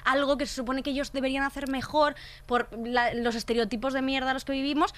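Woman host, bright voice, a bit high, jokey and crude. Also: fast talker. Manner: animated, jokey, crude slang. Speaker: podcast host. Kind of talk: casual podcast chat.

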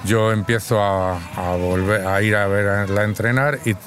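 Madrid guy in his 50s, deep voice, steady and thoughtful, traffic noise around him. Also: measured pace. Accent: Madrid Spanish. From Spain. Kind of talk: casual interview talk. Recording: outdoor street noise with traffic.

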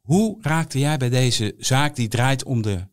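A man's voice: medium pitch, takes it slowly. A man hosting a podcast, asking direct questions and steering the guest back to the case. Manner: steering, asks pointed questions. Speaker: podcast host. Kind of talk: podcast interview.

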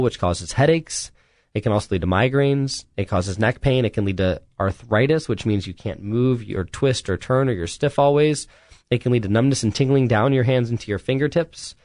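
A man talks earnestly on a radio health show, speaking as a chiropractor at a mid-range pitch. He sounds urgent and keeps circling back with restarts and "you know" fillers. The sound is dry and close, with no room echo. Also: a little mellow. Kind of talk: solo radio health talk.

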